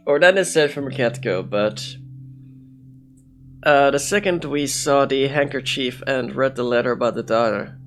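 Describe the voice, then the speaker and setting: A man commentates casually on a video game, reasoning his way through it out loud. His voice sits at a medium pitch, with some music playing underneath. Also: normal speed. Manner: thinks aloud, deliberating.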